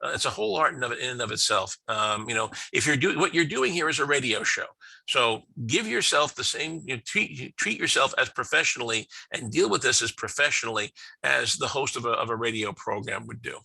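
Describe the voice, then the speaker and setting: A middle-aged man lectures on business in a chatty, rambling way, with many fillers and restarts. His voice is very bright and forceful. The sound is close and dry, with no room in it. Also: mid-range voice, animated, fairly quick, gravelly, husky, no room sound, poor audio. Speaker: business speaker. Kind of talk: webinar lecture with slides.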